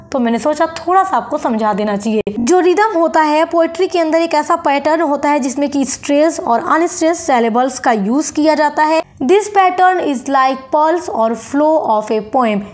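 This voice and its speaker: A woman teaching a literature lesson, glossing each term and reading English notes aloud slowly. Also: high voice. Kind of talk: exam-prep lecture.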